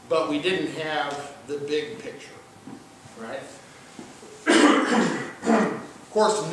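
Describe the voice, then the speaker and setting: A man's voice: fairly high pitch, a bit bright. Echoey older man. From Ozarks, southern Missouri, US. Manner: folksy, halting delivery with pauses. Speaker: college professor, guest lecturer. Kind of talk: informal public lecture. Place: large indoor lecture room, recorded from afar. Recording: very echoey room, distant mic, faint noise.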